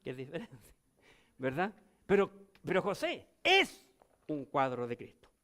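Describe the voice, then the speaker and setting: An older man with a Chilean accent preaching a sermon as pastor, moving between loud emphatic lines and low, quiet ones. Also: wildly swooping pitch, a little slow.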